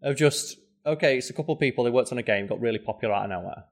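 A man co-hosting a podcast, talking casually in a middle pitch. He is animated and swears freely, and his voice jumps up when he mimics other people. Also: racing. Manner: animated, swearing, pitch jumping up in mock quotes. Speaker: podcast co-host. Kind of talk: casual chat.

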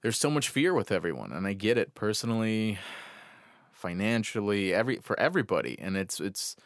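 An American man with a fairly low voice delivers a reflective solo podcast monologue. He sounds close and dry, recorded in a small closet. His delivery is earnest and halting, with pauses between short phrases. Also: big pitch swings, dry recording. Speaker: podcast host.

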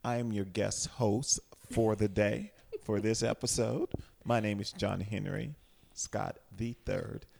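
A man acting as guest host and interviewer in casual chat, prompting briskly like an announcer. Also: lowish voice, steady tone, creaky, a little mellow, slight background noise.

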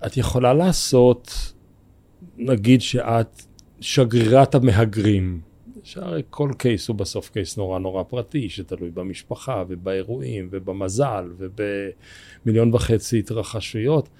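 Low, mellow man. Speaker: podcast host. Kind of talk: conversational interviewing.

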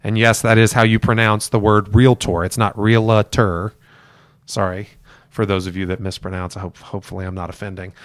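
A man's voice: lowish voice, flat delivery, fast, fairly bright tone, no room sound, studio quality. Middle-aged man coaching new agents live. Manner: conversational, emphatic, repeats key points. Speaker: real estate team leader and mentor. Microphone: camera for a livestream.

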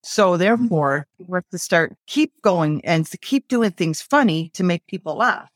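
A woman rambles about her bird in a friendly group chat. She thinks out loud as she goes, and the recording is dry and close. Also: on the low side, lively intonation, normal speed, dry recording. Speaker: parrot owner.

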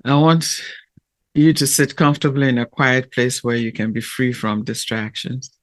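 A man speaking in a gentle, measured and deliberate way, with long pauses, as he hosts a reflective talk and guided meditation. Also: medium pitch. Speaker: podcast host and meditation guide.

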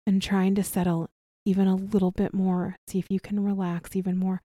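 A woman leading a guided body relaxation as an instructor, speaking softly and soothingly with long pauses between short phrases. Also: medium pitch, level tone, no echo, clean studio sound. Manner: soft, gentle, soothing delivery with long pauses. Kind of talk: guided somatic relaxation practice.

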